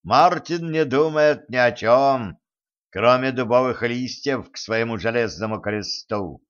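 A man's voice: mid-range voice, unhurried, fairly bright tone, lo-fi sound, lightly acted. A man reading as a stern, irritated old general.

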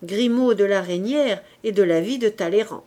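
A woman's voice: medium pitch, moderate pace, dark tone, natural voice. A woman reading a pompous young man lecturing. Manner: grandiloquent, sententious delivery. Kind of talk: audiobook reading.

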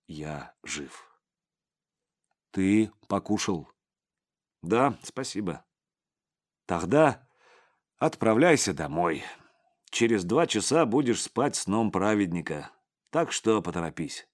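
A man doing a calm, serious martial arts teacher. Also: sits low, heavily acted. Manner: serious, measured.

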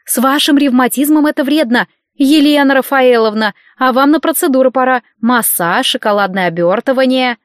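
A woman's voice: high voice, normal speed, no echo, clean studio sound, voice pushed up, close to an everyday voice. A woman reading an audiobook, voicing a fussy nurse who scolds with a wry, mocking edge. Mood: fussing. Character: fussing, wry rehab-center nurse, woman.

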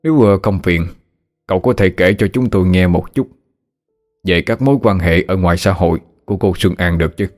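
A man playing a soft-spoken, calculating older man with a quiet, polite manner. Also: sits low, fairly quick, soft background music, natural voice. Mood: courteous.

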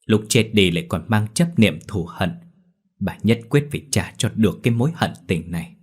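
A man's voice: fairly low pitch, lively intonation, normal speed, breathy edge. A man telling a ghost story in scripted, dramatic narration.

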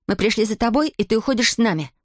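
A woman's voice: fairly high pitch, lively intonation, racing, no room sound, clean studio sound, pitched above the performer's own voice. A woman voicing a brave, determined young girl who talks urgently and gives orders. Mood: insistent. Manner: urgent, commanding.

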